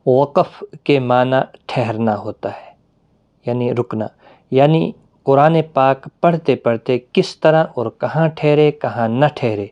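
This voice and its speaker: A man teaching a Quran reading lesson, explaining patiently with pauses and drawn-out fillers. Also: mid-range voice, mellow, highs cut off.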